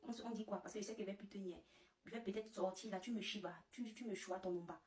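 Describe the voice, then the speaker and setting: A woman's voice: mid-range voice, fast, darkish tone, far from the mic, a little hiss or hum, lightly acted. A woman voicing a chatty man flirting with a woman at work, mixing English words into his French. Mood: flirty. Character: smooth-talking Cameroonian man flirting at work. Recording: roomy, away from the mic.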